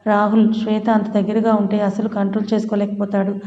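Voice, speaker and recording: A woman narrating a romance serial in an even, conversational storytelling manner. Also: mid-range voice, fast talker. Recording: dull echoey room, long reverb.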